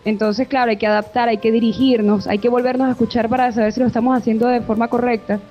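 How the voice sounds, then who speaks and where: Voice actress on a dull-sounding call. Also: female voice, fairly high pitch, little pitch movement, quick pace. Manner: earnest, talks in restarting loops. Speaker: voice actress interviewed as guest. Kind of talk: casual interview over a call. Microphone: internet call. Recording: dull call audio with music under.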